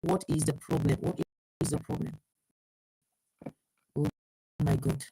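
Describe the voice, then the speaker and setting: Low, dark, and steady in tone, this woman's unhurried voice comes through poor audio. She's the host of a live online talk show on an earpiece mic, troubleshooting technical problems out loud in a flustered stream of fillers and restarts.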